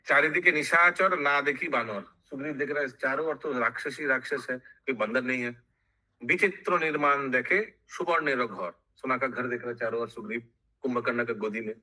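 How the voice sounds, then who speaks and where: A man with a Bengali accent teaching a scripture class, slowly chanting verses and then explaining them quickly. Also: mid-range voice, sharp tone, poor audio. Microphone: online class call.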